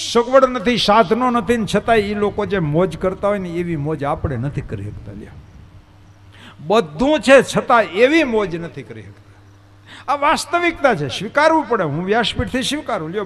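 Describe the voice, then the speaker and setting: Guy preaching a katha, high voice that swoops all over, keeps firing questions at the crowd. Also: a bit bright, a little hiss or hum. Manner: rhetorical, questions the crowd and answers himself; folksy, earthy examples. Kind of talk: devotional discourse.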